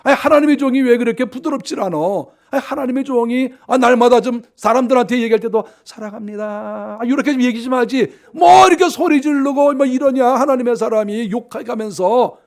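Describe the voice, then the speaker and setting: A man acting out a crowd of grumbling townsfolk in a sermon, high-voiced and exasperated, mocking a stern prophet. Their complaints climb into shouts. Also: brisk, hardly any pauses. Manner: whiny, exasperated, rising to shouts.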